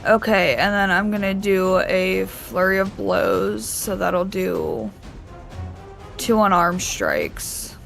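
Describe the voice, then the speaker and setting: A tabletop game player with a hoarse, worn-out voice, talking casually and hesitantly. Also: medium pitch, animated, takes it slowly, fairly bright tone, faint music behind. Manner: hesitant, unsure, asking how things work.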